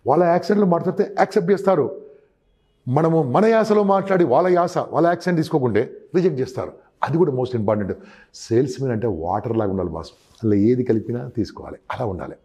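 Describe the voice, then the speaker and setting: Man, sales trainer, husky mellow tone, emphatic and coaching. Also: mid-range voice, lively intonation, quick pace. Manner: emphatic, addresses listener as boss, acts out customer dialogue. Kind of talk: advice interview.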